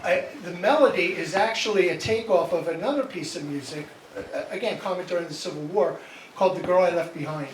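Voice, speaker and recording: A man leading a band and introducing tunes at a live concert, chatty and self-deprecating, halting with many fillers. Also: high voice, a little hiss or hum. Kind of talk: live concert stage talk. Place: concert hall. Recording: echoey hall from far off.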